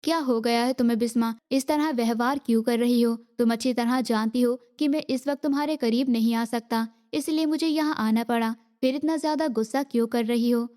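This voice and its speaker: Woman narrator voicing an exasperated young husband, sharp, defensive, mellow tone, audiobook. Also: on the high side, few pauses, close to an everyday voice. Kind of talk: audiobook reading.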